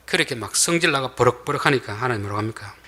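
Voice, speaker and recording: Expressive husky male preacher. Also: mid-range voice, very fast. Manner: dramatic, swings between loud emphatic bursts and soft near-whispers. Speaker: pastor. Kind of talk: sermon.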